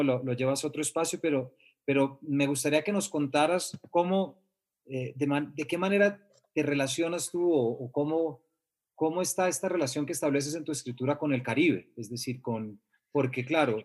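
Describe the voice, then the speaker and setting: A man's voice: on the high side, normal speed. A man from Colombia interviewing a writer, phrasing his questions tentatively with many repetitions.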